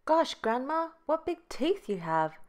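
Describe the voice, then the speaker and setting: A woman's voice: mid-range voice, expressive, measured pace, a bit bright, clean tone. A woman voicing a timid, polite little girl in a storybook tale, earnest and wide-eyed.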